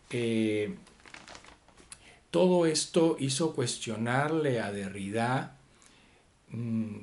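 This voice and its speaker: A man with a mid-range, slightly mellow voice delivers an unscripted philosophy lecture. He pauses often, uses fillers, and poses rhetorical questions.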